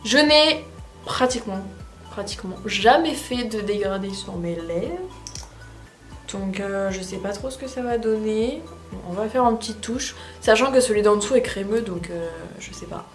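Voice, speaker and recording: Testing makeup on camera, a beauty vlogger rambles chattily in a mid-range voice, hesitating often throughout her casual tutorial talk. The room echoes, and faint music sits under her voice.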